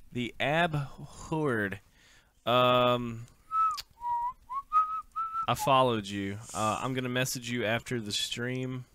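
A man's voice: medium pitch, pushed and bright, slight background noise. A man hosting a casual reaction stream, laughing often and swearing freely. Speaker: streamer host.

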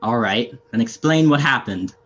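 A man's voice: medium pitch, lively intonation, moderate pace, a bit bright, husky. A young man playing a stern, weary, menacing anarchist fighter, curt and sardonic, in an amateur video game role-play drama. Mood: weary, impatient. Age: young adult. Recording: muffled lo-fi headset audio.

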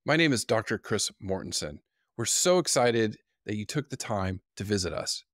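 A man in his forties introducing an online course to camera in an upbeat, teaching manner, speaking into a boom-arm studio mic in a small indoor studio. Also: normal speed, dry recording. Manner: upbeat, lively teaching delivery. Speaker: course instructor.

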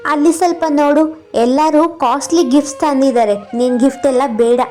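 A woman's voice: sits high, fairly even intonation, moderate pace, a little mellow, faint music behind, natural voice. A woman voicing a rich, haughty older sister in a cartoon, scolding and contemptuous. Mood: scornful.

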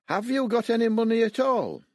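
An older man voicing a bored middle-aged benefits clerk who speaks in a slow, drawling monotone. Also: extremely high pitch, dry recording, studio quality, voice pushed up. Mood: flat.

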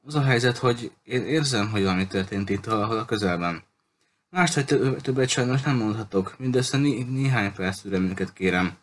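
A man's voice: lowish voice, close to an everyday voice. A man voicing an earnest, anxious woman who pleads politely with her companions, over a faint hiss. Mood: pleading. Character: anxious earnest woman guiding a boat search.

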